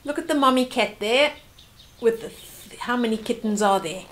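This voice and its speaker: An older woman with a fairly high voice reads a bedtime story aloud to young children at a normal pace. She reads gently, adding asides and questions for the listener.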